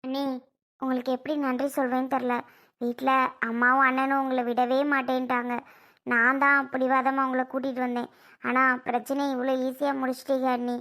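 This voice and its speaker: A woman's voice: high-pitched, completely flat delivery, brisk, fairly bright tone, pitched below the performer's own voice. A woman doing a grateful young wife.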